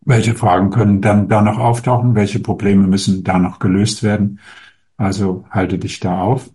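A man speaking as a spiritual teacher, answering viewer questions in a calm, musing way with frequent hesitations. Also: on the low side, normal speed.

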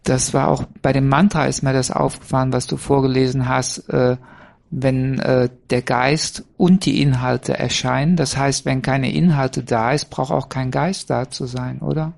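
A man's voice: mid-range voice, fairly even intonation, moderate pace, gravelly, darkish tone. A man taking part in a spiritual dialogue, speaking hesitantly and searching for words with many fillers. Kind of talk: casual reflective conversation.

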